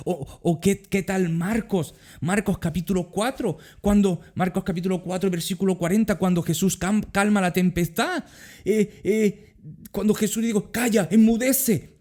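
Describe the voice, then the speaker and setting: A man's voice: high-pitched, moderate pace. A middle-aged man with a Spanish accent preaching a sermon as pastor, acting out quoted words. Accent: Spain Spanish. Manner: animated, acts out Jesus's words in quotes.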